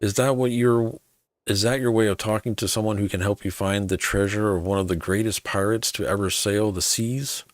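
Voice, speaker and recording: Here is a gruff old salt of the sea played by a man, wily and boastful. He talks in thick pirate phrasing, as a game quest-giver would, in a lowish voice recorded close and dry. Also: fairly even intonation, moderate pace, no room sound, natural voice. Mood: gruff, testing. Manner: archaic pirate dialect. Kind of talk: video game quest role-play.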